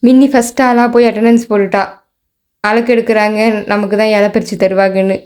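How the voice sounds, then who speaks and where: A woman's voice: mid-range voice, fairly even intonation, fast, darkish tone. A woman narrating a short film about her pet goats, teasing and playful. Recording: faint music underneath.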